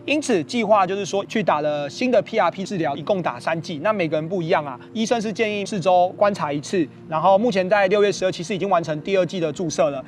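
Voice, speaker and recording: A man's voice: high-pitched, a little hiss or hum. A man with a Taiwanese Mandarin accent hosting a running podcast, explaining training in an organized, step-by-step way. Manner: organized, instructional, step-by-step delivery. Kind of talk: explanatory talk to followers about training.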